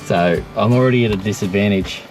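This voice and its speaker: Cocky bloke with a broad Australian accent. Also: male voice, on the low side, fairly quick, over music. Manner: cocky, matey, slangy. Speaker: off-road vlog presenter. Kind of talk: unscripted casual banter and driving commentary.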